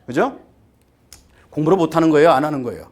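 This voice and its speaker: Excitable 50s guy teaching a room of parents, voice swings all over, slips on his words when worked up. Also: fairly high pitch, quick pace. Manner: animated, rhetorical questions, acts out students and parents. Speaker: academy teacher giving a parent briefing. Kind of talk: lecture to parents.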